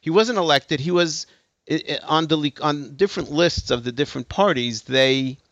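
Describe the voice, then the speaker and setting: A man's voice: on the high side, normal speed, fairly bright tone, no room sound, dull audio. A man giving a lecture to an audience, telling a story emphatically with hesitant restarts. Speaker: speaker giving a talk.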